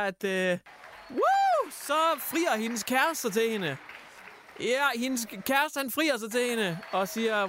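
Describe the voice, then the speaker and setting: A man hosting a casual radio show, telling stories in an animated way and acting out quotes with lots of fillers. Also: high voice. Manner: animated storyteller, acts out quotes, many fillers. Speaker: radio host. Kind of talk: casual chat, retelling news stories.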